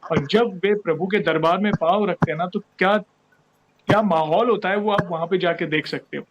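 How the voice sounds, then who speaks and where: A man with a fairly high voice hosts an interview in a relaxed, encouraging way. Clear background hiss sits under his voice. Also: normal speed. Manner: encouraging, frequent affirming murmurs. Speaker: host. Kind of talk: conversational interview.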